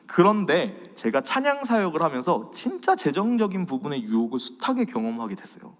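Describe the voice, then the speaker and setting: A man in his thirties preaching a faith lecture as a pastor, animated, swinging between loud and soft. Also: a little high, brisk, big-room sound. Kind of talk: sermon-style faith lecture.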